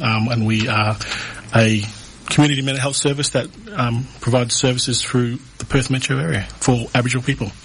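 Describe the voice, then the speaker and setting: A man from North Queensland with an Australian accent, a mental health coordinator guesting on a studio radio interview, talking in a relaxed way with easy laughs. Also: mid-range voice, slight background noise, rough recording. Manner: relaxed, laughs easily, uses fillers. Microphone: studio mic.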